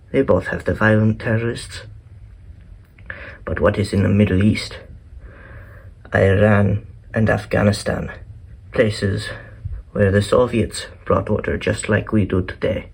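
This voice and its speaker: A man doing a menacing official, making slow, ominous declarations. His voice is low, husky and gravelly. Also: steady tone, a little mellow, heavily acted, low-quality recording. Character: menacing expansionist Russian official.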